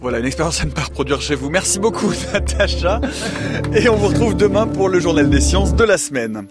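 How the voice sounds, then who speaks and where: A man's voice: sits high, animated, a little fast, loud music behind the voice. A man presenting a radio science show in a wry, bookish, semi-scripted way. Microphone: close studio microphone.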